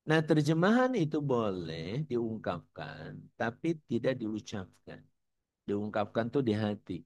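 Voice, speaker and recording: A man's voice: on the low side, big pitch swings, takes it slowly, darkish tone. A man teaching an Islamic study lecture as the guest teacher, explaining patiently and tossing in rhetorical questions. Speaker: religious teacher. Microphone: live broadcast mic.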